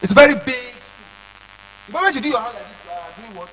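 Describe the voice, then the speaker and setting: A man lecturing children on public speaking, animated and checking often that they follow along. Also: high voice, very fast, faint music behind, poor audio.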